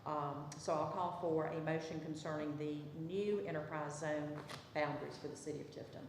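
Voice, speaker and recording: A woman mayor with a Southern US accent, calmly chairing a city council meeting and calling votes. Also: sits low, moderate pace. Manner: procedural, calm, calls votes. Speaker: mayor presiding over council. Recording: echoey council chamber, faint noise.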